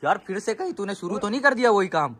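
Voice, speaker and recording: Excited high-voiced young man vlogging. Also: fast, husky. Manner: excited, teasing, loud exclamations. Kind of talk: casual chat. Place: home during family celebration.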